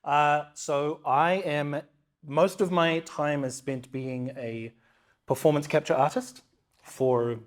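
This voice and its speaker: A man's voice: on the high side, fairly even intonation, slow. A man, a guest chatting casually in a playful, rambling way with many fillers. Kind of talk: casual interview chat.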